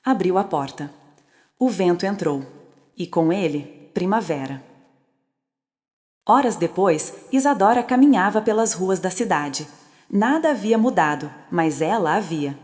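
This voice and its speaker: A woman's voice: lowish voice, lively intonation, unhurried, darkish tone. A woman reading scripted dramatic narration in short, solemn phrases. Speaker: storyteller. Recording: long reverb.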